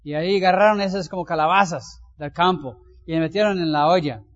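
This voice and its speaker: A man's voice: a little high, a little fast. A man, a pastor reading scripture aloud and commenting on it with folksy asides. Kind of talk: Bible reading and sermon. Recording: dull lo-fi sound.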